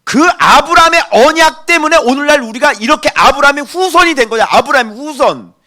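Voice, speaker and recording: A middle-aged male pastor preaching a sermon, emphatic, swinging between loud outbursts and hushed asides. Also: extremely high pitch, expressive, brisk.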